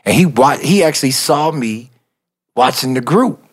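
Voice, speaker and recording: A man's voice: medium pitch, moderate pace, breathy edge. A man from Chicago, a music executive, telling stories in a casual interview, acting out conversations with slang and frequent laughter. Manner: animated, acts out dialogue, laughs often, slangy.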